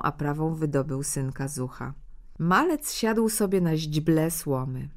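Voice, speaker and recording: A woman reads a fairy tale aloud in a calm, measured storytelling manner. Her voice sits low for a woman, steady and even. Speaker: narrator.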